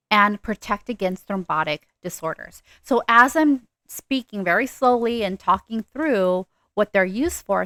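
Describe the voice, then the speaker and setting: A woman giving a recorded nursing pharmacology lecture. She talks deliberately and stresses the key terms as she explains them. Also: medium pitch, fairly bright tone, dry recording.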